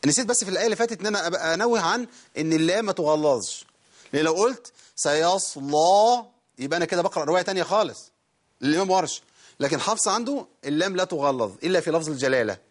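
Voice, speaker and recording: Quick-talking Egyptian tajweed teacher. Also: male voice, fairly high pitch, animated. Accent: Egyptian Arabic. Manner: explains rapidly, quizzes viewers, then recites words slowly and drawn out. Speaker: Quran recitation teacher. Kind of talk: TV studio lesson on tajweed. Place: TV studio.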